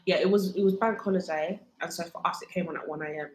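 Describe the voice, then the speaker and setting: A woman's voice: lowish voice, fairly even intonation, fast talker, a little mellow. Tired, chatty British woman in an echoey room. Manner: chatty, slangy and laughing. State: tired from no sleep. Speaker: podcast co-host. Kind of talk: casual chat.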